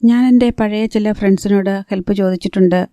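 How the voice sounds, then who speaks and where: A woman's voice: mid-range voice, fairly even intonation, fairly quick, warm tone, no echo, lightly acted. A woman reading the part of an anxious, practical young woman who pleads earnestly and keeps her voice down. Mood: pleading.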